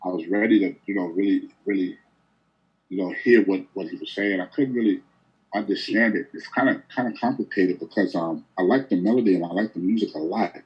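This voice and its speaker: A man judging a music showcase, giving hesitant, halting feedback full of filler phrases. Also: low voice, husky. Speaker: judge, music producer. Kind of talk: judge's feedback. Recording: muffled call audio.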